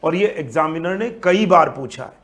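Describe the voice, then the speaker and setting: Man, high-pitched coaching-class lecturer, mixes in English terms. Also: normal speed, slight background noise. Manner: animated, asks and answers his own questions. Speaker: CA Foundation statistics teacher. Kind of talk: recorded online class lecture.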